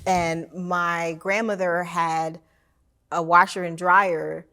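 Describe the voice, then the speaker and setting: A woman hosting a casual conversation, telling stories with animated quotes of family. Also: lowish voice, slow pace. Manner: animated storytelling, quoting others. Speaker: host.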